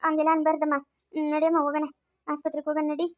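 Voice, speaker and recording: A woman playing a worried mother, scolding and coaxing in a quick, high voice. The sound is dry and close, with no room echo. She performs in an amateur family drama. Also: completely flat delivery. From Karnataka, India. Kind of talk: family moral drama acting.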